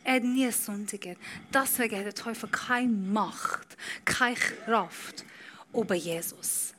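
A woman preaching a sermon with passion, speaking German with non-native grammar and building from quiet to loud. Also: mid-range voice, slow, noisy background.

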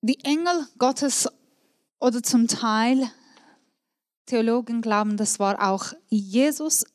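A woman preaching a sermon and reading scripture aloud, speaking earnestly with restarts and clumsy grammar, coughing and clearing her throat at times. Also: fairly high pitch, slow pace, no room sound, clean studio sound.

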